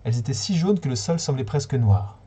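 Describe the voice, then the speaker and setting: Mellow, husky-voiced male storyteller. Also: mid-range voice, fairly quick. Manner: calm, steady storytelling with small slips. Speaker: reader. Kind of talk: reading a short story aloud on a livestream.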